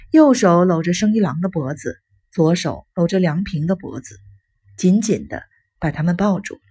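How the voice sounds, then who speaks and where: A woman narrating an audiobook in a measured, gentle storytelling manner. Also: mid-range voice, breathy edge.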